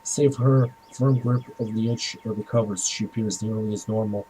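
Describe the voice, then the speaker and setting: Guy reading a young man's inner monologue, soft and mellow, slow thoughtful storytelling. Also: fairly low pitch, steady tone, slight background noise, natural voice, poor audio. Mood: reflective. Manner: quiet, reflective, measured. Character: tired young man narrating his own thoughts. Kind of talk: first-person story narration.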